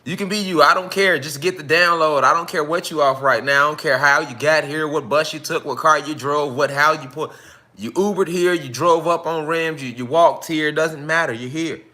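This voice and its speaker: Male host of a casual night-class stream, loose and repetitive, talking right at the audience, with a keen, forceful edge. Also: on the high side, moderate pace. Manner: loose, profane, repetitive, talks straight to the audience. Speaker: lecturer hosting an online night class. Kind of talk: casual live-stream lecture.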